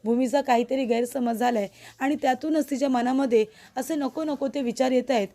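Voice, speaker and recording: A woman's voice: high-pitched, a little fast, mellow, no echo. A woman voicing a scheming mother-in-law who pleads sweetly and plays innocent. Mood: pleading. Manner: pleading, sugary.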